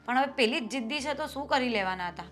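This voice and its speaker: An actress playing a patient, worried wife and elder sister-in-law who reasons calmly about family troubles. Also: female voice, sits high, fast talker, soft background music. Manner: calm, reasoning, then pushing back. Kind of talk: family drama acting.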